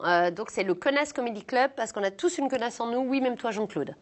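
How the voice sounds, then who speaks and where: A woman's voice: a little high, expressive, fairly quick. A young woman comedian from the south of France, chatting casually and self-mockingly in an interview, with lots of fillers and restarts. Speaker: comedian guest.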